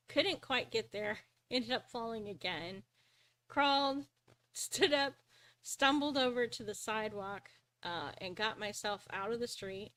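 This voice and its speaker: A woman's voice: fairly high pitch, a bit bright. A woman hosting a live stream, earnestly telling a personal story, often chuckling and restarting her sentences.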